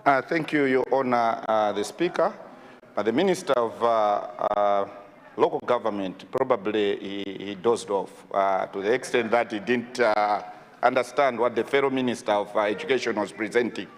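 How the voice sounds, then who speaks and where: A man's voice: lowish voice, normal speed. A man with a Malawian accent speaking in parliamentary debate, insistent and emphatic, repeating phrases for stress. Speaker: member of parliament. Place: parliament chamber. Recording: reverberant hall.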